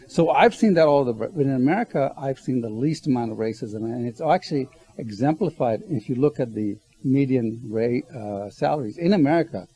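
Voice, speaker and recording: A man's voice: medium pitch, animated, fairly quick, hardly any pauses, warm tone, poor audio. A man who grew up in Ghana, speaking as a guest on a panel discussion. He explains his points earnestly and often stops to correct himself.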